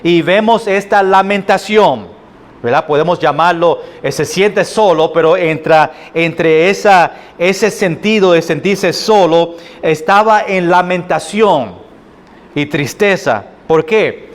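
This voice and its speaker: A man with a Puerto Rican accent preaching a sermon as pastor, halting often with fillers and restarts. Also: high-pitched. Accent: Puerto Rican Spanish. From Puerto Rico. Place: church sanctuary.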